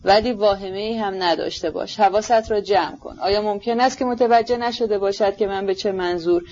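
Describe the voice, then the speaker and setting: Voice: mid-range voice, steady tone, darkish tone, lo-fi sound, a little hiss or hum, natural voice. An urgent, pleading young woman, as a narrator puts her on. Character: anxious young woman urging her brother. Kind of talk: audiobook character reading.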